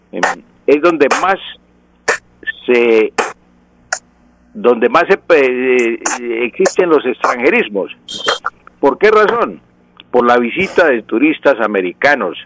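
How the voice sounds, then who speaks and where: Dry-voiced Colombian professor explaining. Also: male voice, mid-range voice, a bit bright, no room sound, low-quality recording. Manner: didactic, gives examples, frequent self-corrections. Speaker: language professor on a radio show. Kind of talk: explaining on a radio talk show.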